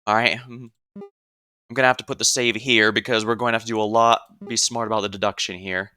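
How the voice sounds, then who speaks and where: A man's voice: lowish voice, flat delivery, brisk, pushed and bright, smooth. A man commentating on a game he plays, rambling and stumbling over his words as he goes. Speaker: game streamer playing a visual novel. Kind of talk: game commentary and reading dialogue aloud.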